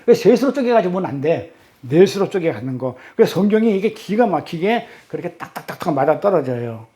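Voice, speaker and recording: A man's voice: high voice, very animated, fast, warm tone. A man leading a Bible study class, quizzing his listeners with rhetorical questions in an emphatic, repetitive teaching cadence.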